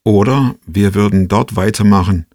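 A man's voice: fairly low pitch, normal speed, a little mellow, no room sound, studio quality. A man giving a scripted devotional reflection, thoughtful and full of rhetorical questions. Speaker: preacher giving a devotional talk.

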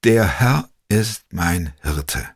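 A man voicing a frail dying old woman who slowly recites a psalm in a faint, croaking voice. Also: low-pitched, animated, heavily acted. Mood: tender.

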